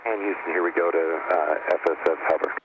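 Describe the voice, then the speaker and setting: Low-voiced astronaut over crackly space radio. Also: male voice, steady tone, fast talker. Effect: crackly space-to-ground radio. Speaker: shuttle astronaut on orbit. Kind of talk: clipped radio procedure calls. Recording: noisy narrow-band radio link.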